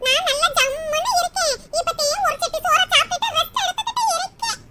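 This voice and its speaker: A performer voicing a cheerful, boastful old grandmother with a Tirunelveli Tamil accent in a cartoon, in a squeaky, sped-up voice. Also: expressive, fast, over loud music. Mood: chirpy. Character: cheeky old grandmother on the phone, well-fed and cheerful. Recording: loud background noise.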